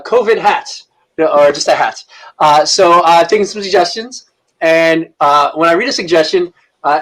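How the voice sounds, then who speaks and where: A man hosting improv comedy games over a video call. He halts often and pads his lines with fillers. His voice sits fairly high. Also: fairly bright tone, rough recording. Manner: halting, lots of fillers, laughing. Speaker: host.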